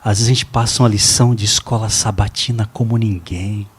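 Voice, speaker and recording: A man's voice: on the low side, fairly even intonation, fairly quick, breathy edge. A Brazilian man preaching a storytelling sermon in church, chatting directly with the congregation. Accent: Brazilian Portuguese. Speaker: pastor.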